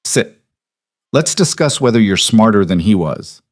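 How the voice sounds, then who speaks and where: A man's voice: fairly low pitch, expressive, measured pace. A man voicing a cold male crime boss in his seventies, speaking in dry, clipped, commanding lines.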